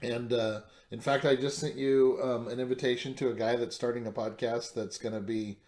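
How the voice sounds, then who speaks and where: A man's voice: mid-range voice, steady tone, moderate pace, darkish tone, roomy sound. A man co-hosting a podcast in casual chat, rambling with lots of fillers and restarts. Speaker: podcast co-host.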